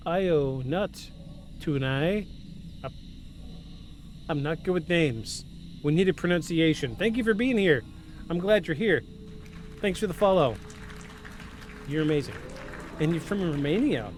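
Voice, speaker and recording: A man hosts a live podcast from home, effusive and repeating himself for emphasis as he shifts between scripted narration and casual asides. His voice is a little high and expressive; he's unhurried and pauses often, with music and slight background noise behind him.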